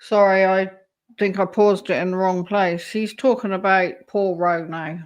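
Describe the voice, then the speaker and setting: A woman's voice: medium pitch, fairly even intonation, unhurried. A woman hosting a casual live stream, reacting to a clip and talking to her chat. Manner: chatty, reacting to a clip and reading chat aloud.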